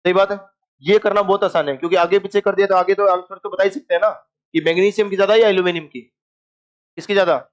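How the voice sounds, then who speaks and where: High-voiced male chemistry teacher. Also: fairly even intonation, quick pace, highs cut off. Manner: asks students questions and answers them himself; joking and coaxing with students. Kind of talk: classroom lecture. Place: classroom with students.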